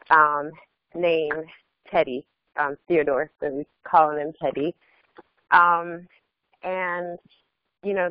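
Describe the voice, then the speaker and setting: A woman's voice: sits low, no room sound. Woman muffled on a Bluetooth headset mic. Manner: halting, many filler pauses. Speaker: mother giving a group report. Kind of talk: reporting on a group call. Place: in a car. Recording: muffled dull headset audio.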